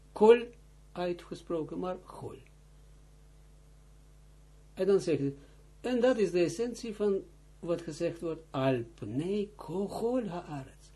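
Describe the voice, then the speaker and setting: A man's voice: high voice, mellow, husky. A man teaching as a rabbi, reading Hebrew and Aramaic phrases aloud and explaining them in Dutch, often repeating himself and urging close attention. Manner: halting, with restarts. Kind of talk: line-by-line text study lesson.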